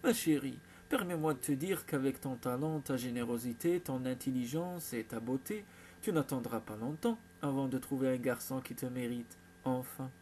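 Un homme qui joue une mère tendre et attentionnée. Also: male voice, medium pitch, moderate pace, a little mellow, a little hiss or hum, close to an everyday voice. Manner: tender, caring. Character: affectionate middle-aged mother.

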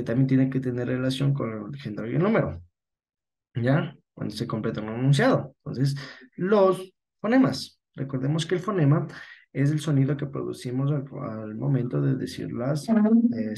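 With a gravelly, darkish, medium-pitched voice, a man speaking Spanish with an Ecuadorian accent gives an online class. He is patient, often corrects himself, and checks that students follow.

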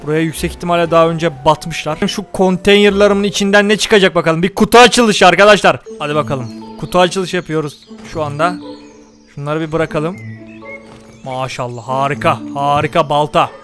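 Fast-talking young man, joking game commentary. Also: a little high, soft background music. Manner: joking, exclaims and scolds the game loudly. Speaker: gaming YouTuber. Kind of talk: comedic let's-play commentary.

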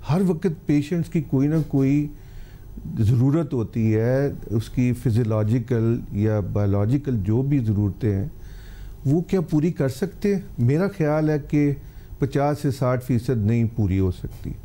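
Older man, very mellow dark tone, earnest pleading doctor, tv studio talk show. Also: medium pitch, measured pace. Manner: earnest, pleading advice to the public. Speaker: cancer specialist guest. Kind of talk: TV health talk show interview.

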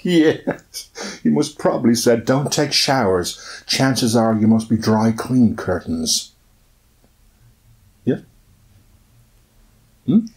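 Guy doing a gushing chatty lady for a comedy news sketch, rambles on, mid male pitch. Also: expressive, slow, pauses often, a little mellow. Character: chatty curtain-obsessed woman, a mother, comedy interviewee. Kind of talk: spoof news interview.

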